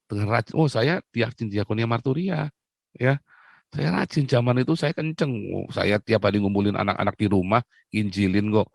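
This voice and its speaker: A man's voice: lowish voice, moderate pace, vocal fry, no echo. A man from Indonesia preaching a sermon with personal testimony, exclaiming often and addressing his listeners as brothers and sisters.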